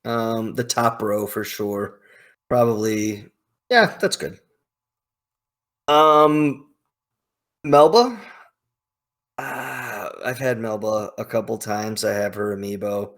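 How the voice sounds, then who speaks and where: A man hosts a video ranking game characters, thinking aloud with casual, opinionated commentary full of emphatic, hyperbolic slang. His voice sits on the low side with a fairly bright tone, and he talks slowly, pausing often.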